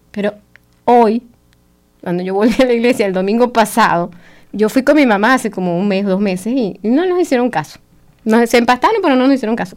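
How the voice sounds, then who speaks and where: A middle-aged woman with a Venezuelan accent tells a personal story on a radio show in a casual, animated way. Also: fairly high pitch. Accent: Venezuelan Spanish. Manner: animated, chatty, acts out quoted remarks.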